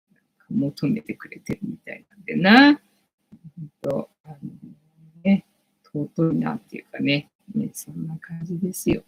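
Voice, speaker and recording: Deep, gravelly and slightly rough, this woman's voice comes through on a rough recording. She is in her late forties, hosting a relaxed livestream from home and chatting in a rambling way with lots of fillers.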